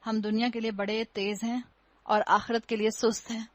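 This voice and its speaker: Woman, religious teacher, explanatory lecture, raised pitch, dry close sound. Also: little pitch movement, no room sound. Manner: explanatory, uses rhetorical questions and humor; mixes in English words. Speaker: Quran teacher.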